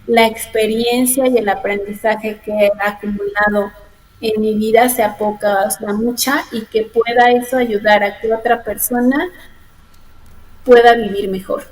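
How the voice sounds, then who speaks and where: An adult woman, a therapist giving measured, reflective interview answers that slow down to stress key points. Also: a little high, fairly even intonation, poor audio. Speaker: logotherapist and thanatologist guest. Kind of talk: calm explanatory interview answers.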